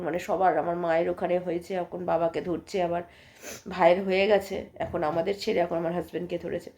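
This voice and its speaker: Here a thirtysomething vlogger with a cold coughs her way through a homey, meandering account of her day at home. She speaks in a lowish, creaky voice that's a little mellow.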